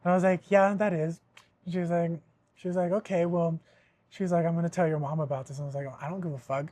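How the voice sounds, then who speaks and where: A man's voice: on the high side, fast talker. Young man ranting, swearing a lot. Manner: animated, swears a lot, laughs while telling a story. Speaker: podcast host. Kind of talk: casual storytelling chat.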